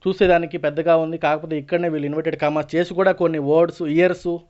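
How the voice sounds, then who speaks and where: A man's voice: a little high, flat delivery, very fast, a little mellow. A man with a Telugu accent teaching an online exam-prep lesson, explaining as he goes and mixing Telugu with many English words. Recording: dull, lo-fi voice recording.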